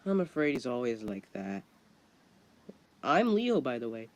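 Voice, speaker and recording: A man's voice: medium pitch, big pitch swings, unhurried, heavy background noise. A man voicing a friendly, good-natured young male engine who speaks cheerfully and apologetically.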